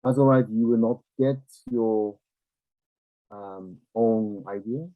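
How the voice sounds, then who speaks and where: A man from Japan with a Japanese accent, a non-native speaker explaining ideas reflectively and conversationally, haltingly searching for words. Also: fairly low pitch. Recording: tinny, narrow phone-like, echoey room.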